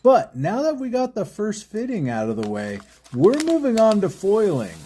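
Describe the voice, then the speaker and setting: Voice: mid-range voice, wildly swooping pitch, normal speed, warm tone, slightly rough. A stained glass artist hosting a craft tutorial in voice-over, playful and jokey, with puns and frequent chuckles.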